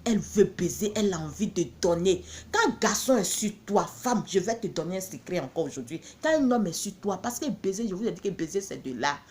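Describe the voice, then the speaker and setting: A woman's voice: fairly low pitch, animated, fairly quick, few pauses. A woman from Benin, selling her own products in a blunt, emphatic promotional monologue full of repeated catchphrases.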